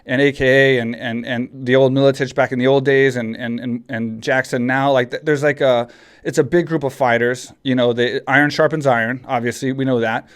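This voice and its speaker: A man's voice: mid-range voice, steady tone, brisk, clear, resonant tone. A man in his forties from Texas hosting a podcast, talking casually and rambling with many restarts. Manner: rambling, frequent restarts and fillers. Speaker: podcast host. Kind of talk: casual chat.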